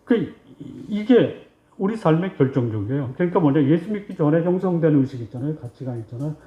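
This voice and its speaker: A man's voice: fairly high pitch, lively intonation, fast talker. A male pastor giving a Sunday sermon. He asks the congregation questions and answers them himself, and he acts out short exchanges between God and a believer. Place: church sanctuary. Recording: roomy, slightly dull church recording.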